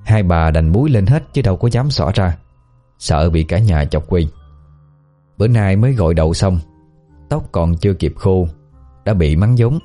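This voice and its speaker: A man narrating a ghost story in a steady, lively storytelling manner. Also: low-pitched, moderate pace, long pauses, faint music behind. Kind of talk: scripted audio-story narration.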